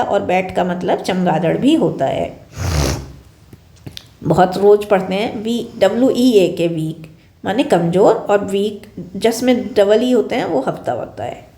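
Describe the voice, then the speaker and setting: A woman's voice: medium pitch, vocal fry, warm tone. A young woman teaching English vocabulary in a recorded lecture, explaining each word's meaning and repeating it for students. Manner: explains word by word, repeating meanings, mixing in English example sentences. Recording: echoey room.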